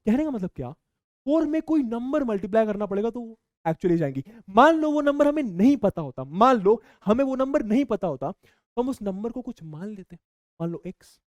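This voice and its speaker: A young man teaching a maths lesson to students, lively, repeating key points and asking the class questions. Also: high-pitched, normal speed, no echo, dull audio.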